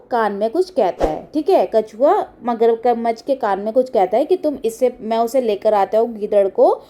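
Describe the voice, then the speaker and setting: A woman's voice: a little high, a little mellow. A woman teacher explaining a children's school lesson, paraphrasing each line in simple words.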